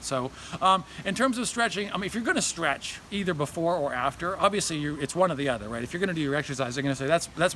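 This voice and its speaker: A high-voiced man in his forties coaches exercise in a casual, encouraging way. He is recorded outside in a garden, with clear noise behind his voice. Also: bright, forceful tone. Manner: encouraging, counts and cues. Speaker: fitness trainer hosting a workout video. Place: outdoor garden.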